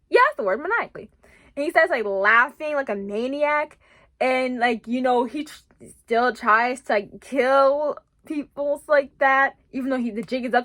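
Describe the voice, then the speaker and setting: A young woman vlogger chatting casually, rambling and excitable, with many restarts and emphatic repeats. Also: fairly high pitch, no echo, studio quality. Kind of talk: casual chat.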